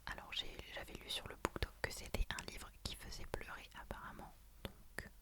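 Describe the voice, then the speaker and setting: Woman in a hushed library whisper. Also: normal speed. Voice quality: soft, breathy, unvoiced whisper. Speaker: ASMR creator. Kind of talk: whispered ASMR book wishlist, reading out blurbs.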